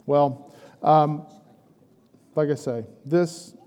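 A man's voice: a little high, very slow, dark tone, clear, resonant tone. A middle-aged man, a pastor, talking casually to a church group with a handheld microphone, rambling and joking as he encourages them. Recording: long hall reverb with murmuring crowd.

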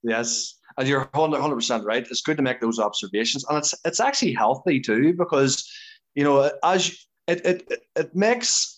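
Mid-pitched Irish man, chatty and emphatic. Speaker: podcast guest, competitive dancer. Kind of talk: casual conversational interview.

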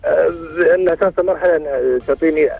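A man pours out his marriage troubles at a very fast clip, restarting again and again as he hunts for the right word. His voice sits a bit high for a man. It comes through a muffled, lo-fi phone line. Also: gravelly. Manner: rambling, searching for words, frequent restarts. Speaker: caller seeking marriage advice. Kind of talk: call-in radio conversation.

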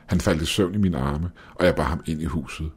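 A man narrating a scripted horror story in a steady, measured way. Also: a bass voice, husky.

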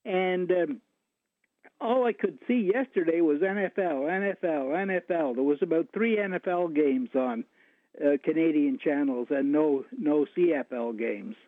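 A male caller on a talk radio show, heard over the phone, talking haltingly with many restarts. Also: on the high side, no room sound. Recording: tinny dry phone line.

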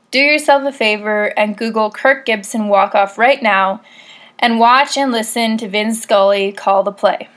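A woman with a slightly higher voice talks her way through a prepared monologue. She is chatty and wry, and pokes fun at herself as she goes. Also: fairly bright tone. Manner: wry, self-deprecating, chatty. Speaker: podcast host. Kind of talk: casual scripted monologue.

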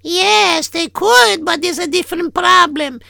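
A sharp-tongued, practical old-world wife, as a woman acts her out, always pointing out what's wrong. Her voice sits very high and crackles with heavy fry, bright and sharp. Dry and close, as in a comic radio play. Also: unhurried, no room sound, exaggerated voice. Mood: nagging.

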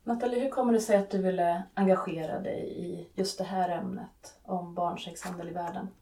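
A woman podcast host introducing guests and asking questions in a measured, earnest way. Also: on the low side, steady tone, mellow, recorded from a distance.

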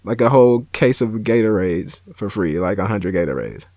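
A man's voice: lowish voice, lively intonation, normal speed, warm tone, no room sound, clean studio sound. A man co-hosting a podcast, teasing his partner in casual banter and often trailing off mid-thought. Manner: teasing, hesitant, trails off and restarts. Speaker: podcast co-host.

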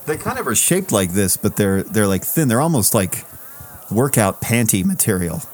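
A man's voice: on the low side, very animated, normal speed, darkish tone, a little hiss or hum. A man co-hosting a casual podcast, telling a self-mocking story and swearing loosely as he talks. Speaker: podcast co-host. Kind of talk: casual chat.

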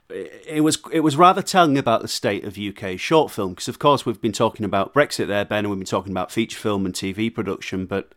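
A man co-hosting a casual podcast chat, talking in an animated, emphatic way with frequent restarts. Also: on the low side.

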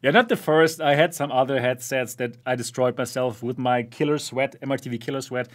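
A man's voice: medium pitch, fairly even intonation, a little fast. A man hosting a casual tech podcast chat, often laughing as he talks. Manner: laughs often while talking. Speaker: host of a VR channel.

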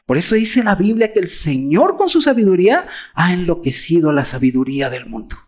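Animated preacher with a Mexican accent. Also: medium pitch, fairly quick. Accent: Mexican Spanish. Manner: animated, acts out mocking quotes of others. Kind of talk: sermon.

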